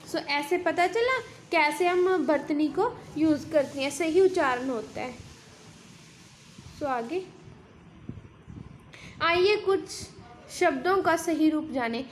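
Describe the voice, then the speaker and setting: A woman's voice: sits high, slight background noise. A woman school teacher giving a lesson in Hindi, explaining step by step and asking and answering her own questions. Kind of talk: online class lesson.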